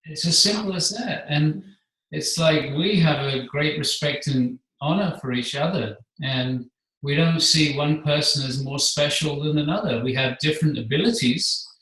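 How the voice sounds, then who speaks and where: Man, measured earnest explainer, echoey room, distant mic. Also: fairly high pitch, fairly bright tone. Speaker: guest, spiritual teacher. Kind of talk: calm explanatory conversation.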